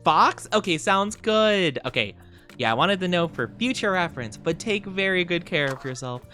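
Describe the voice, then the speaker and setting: A man's voice: high-pitched, expressive, normal speed, sharp tone, faint music behind. A man hosting a livestream as a VTuber, chatting casually while he plays a game, with effusive, gushing greetings and a cutesy, cooing way of talking. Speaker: VTuber streamer host.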